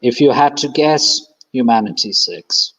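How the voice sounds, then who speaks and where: A man narrating and playing a tabletop game in a relaxed, halting way. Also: medium pitch, husky. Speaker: player. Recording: dull lo-fi.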